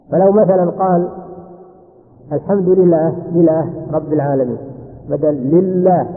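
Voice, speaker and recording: A man's voice: fairly high pitch, a little hiss or hum. Man lecturing in a reverberant hall. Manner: explanatory, recites verses in between, drops into colloquial asides. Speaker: religious teacher. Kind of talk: classroom lecture explaining a text. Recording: tinny old cassette lecture with long hall reverb.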